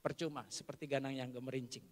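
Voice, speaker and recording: A pastor with an Indonesian accent preaching a sermon, swinging from loud emphatic lines to hushed asides. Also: male voice, mid-range voice, level tone, fast talker. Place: large church hall. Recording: long hall reverb.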